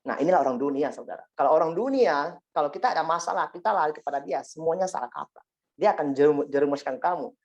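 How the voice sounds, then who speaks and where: A man's voice: on the high side, expressive, fast. A man giving a spoken testimony to a congregation, telling his story in a rambling way with frequent asides to the listeners. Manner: rambling storytelling, frequent 'ya kan' and 'singkat cerita' asides. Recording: dull lo-fi recording.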